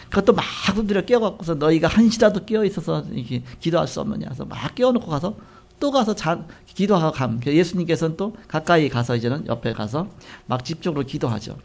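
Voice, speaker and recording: A man preaching a sermon, retelling scripture with animated storytelling and acted-out dialogue. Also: a little high, a little fast. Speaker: pastor.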